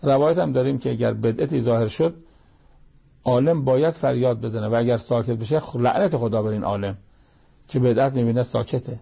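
A man's voice: mid-range voice, creaky, warm tone, slightly rough. A man preaching a sermon, reciting Arabic verses, explaining them, and pressing listeners with pointed rhetorical questions.

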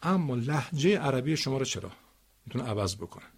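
A man teaching Quran recitation, explaining word stress with spoken examples in a slow, deliberate way. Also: medium pitch, very animated, slightly rough.

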